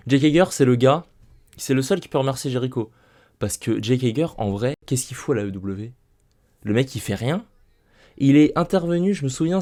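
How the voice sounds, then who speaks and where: A man's voice: medium pitch, warm tone. A young man talking casually into a desk microphone at home, ranting emphatically and repeating his points. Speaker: wrestling recap youtuber. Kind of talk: casual spoken show recap.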